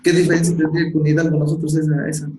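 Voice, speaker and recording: A man's voice: a little high, level tone, racing, darkish tone. Hesitant man in an echoey room. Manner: hesitant, many fillers. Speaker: student. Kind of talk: asking a question in a class. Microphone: video call. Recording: roomy video call audio, faint noise.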